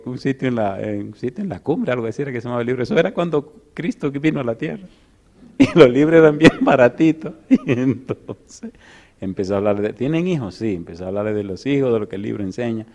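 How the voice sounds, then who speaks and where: A middle-aged man preaching, telling a story with laughter and big swings from loud to hushed. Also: medium pitch, fairly quick. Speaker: pastor. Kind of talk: storytelling sermon.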